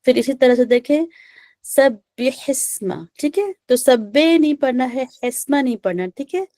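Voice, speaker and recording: A woman with a fairly high but mellow, dark-toned voice teaches an online recitation class over a video call. She drills each vowel sound slowly and patiently and keeps checking in with her students. The sound is dry and close. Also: very animated, dry recording. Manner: patient, repeats "theek hai" often, drills sounds slowly.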